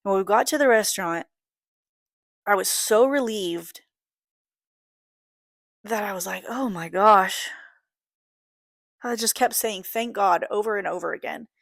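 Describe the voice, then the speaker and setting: A woman's voice: medium pitch, moderate pace, creaky, pauses often, no room sound, clean studio sound. A woman in her thirties hosting a casual solo podcast, talking in a rambling, candid way that often breaks off and restarts. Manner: rambling, self-interrupting, candid. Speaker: podcast host.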